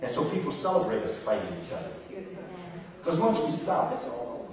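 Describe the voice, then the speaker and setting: A man's voice: a little high, huge pitch swings, a little fast, far from the mic, crowd noise. Passionate man lecturing in an echoey hall. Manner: preacherly, emphatic, repeats words for effect. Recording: echoey hall, recorded from afar.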